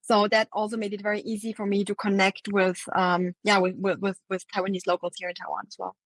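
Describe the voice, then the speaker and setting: A woman's voice: mid-range voice, brisk, dry recording, poor audio. Austrian-born woman chatting, dry close sound. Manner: relaxed, many fillers like um and like. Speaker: guest, marketing agency founder. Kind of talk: casual interview talk.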